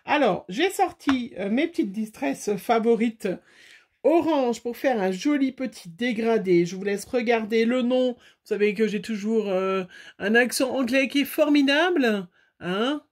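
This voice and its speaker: A woman's voice: on the high side, expressive. Chatty woman hosting a craft video. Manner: chatty, many fillers and pauses. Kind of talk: casual craft tutorial chat.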